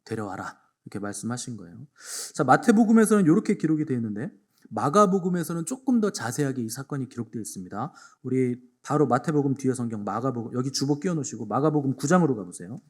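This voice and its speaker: A male pastor delivering a Sunday sermon, retelling scripture with acted-out dialogue and sudden swings from quiet to forceful. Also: medium pitch, expressive, fast. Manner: acts out biblical speakers in dialogue, swings between hushed and emphatic.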